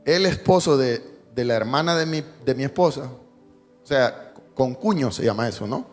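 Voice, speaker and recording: A man's voice: mid-range voice, expressive, normal speed. Man preaching in an echoing church. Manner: storytelling with jokes, dropping to a hushed tone for emotional parts. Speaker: pastor. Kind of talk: sermon. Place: church sanctuary. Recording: long hall reverb, faint music behind.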